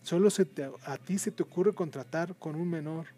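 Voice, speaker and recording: A man's voice: fairly high pitch, normal speed, dark tone, voice pushed up, lightly acted. Man reading a burly rich man, stern, barks raised commands, storybook. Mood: cold.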